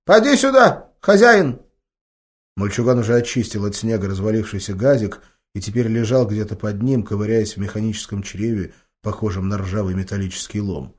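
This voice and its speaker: A man narrating an audiobook in measured, expressive storytelling. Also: lowish voice. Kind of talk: scripted narration.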